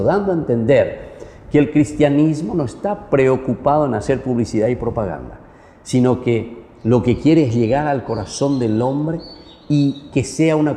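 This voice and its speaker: Mellow Paraguayan priest in a cathedral-like echo. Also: male voice, mid-range voice. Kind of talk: homily and liturgical prayer. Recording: echoey church hall with long reverb.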